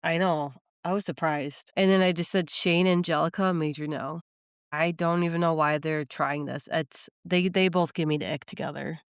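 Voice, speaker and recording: A woman's voice: deep voice, fairly even intonation, moderate pace, smooth, no echo, studio quality. A woman co-hosting a podcast, chatting casually as she recaps reality TV episodes and acts out quoted lines. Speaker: podcast co-host.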